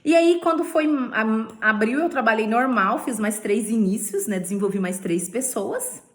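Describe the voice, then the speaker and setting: A woman's voice: on the high side, normal speed. A Brazilian woman telling her sales career story in a playful way, laughing often and tagging lines with "né?". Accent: Brazilian Portuguese. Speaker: beauty sales director. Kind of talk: personal testimony vlog.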